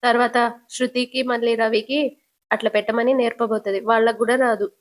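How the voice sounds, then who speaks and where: A woman casually retelling a TV serial episode, animated, chaining each scene with quick narration tags. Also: fairly high pitch. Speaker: storyteller.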